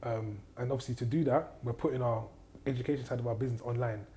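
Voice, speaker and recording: A man talks quickly and confidently in a casual podcast chat, sharing advice on investing. His voice is dark and mellow, and he often repeats his points and asks whether you follow him. A faint noise sits under the recording. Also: medium pitch, steady tone. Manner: confident, advisory, repeats key phrases; checks in with "do you get what I mean". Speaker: guest, property investor and trainer.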